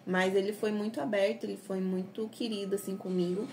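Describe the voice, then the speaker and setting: A woman's voice: mid-range voice, little pitch movement, brisk, a little mellow. A young adult woman with a Brazilian Portuguese accent tells her personal story in a chatty, rambling way, full of tag questions. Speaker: convert telling her story. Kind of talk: casual personal testimony. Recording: noisy background. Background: noise in the background.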